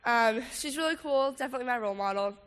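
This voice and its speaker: Stuffy-nosed young woman, higher voice. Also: fast, fairly bright tone, clean tone. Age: late teens. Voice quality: stuffy, congested nose. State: sick with a cold-like congestion. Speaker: student speaker at a youth ministry gathering. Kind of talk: informal testimony talk to a group.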